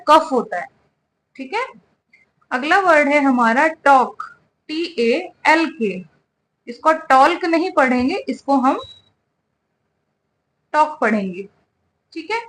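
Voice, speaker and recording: Slow, high-voiced woman teaching English words. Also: a bit bright. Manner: slow, spells words letter by letter, repeats "ठीक है" often. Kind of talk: spoken English lesson.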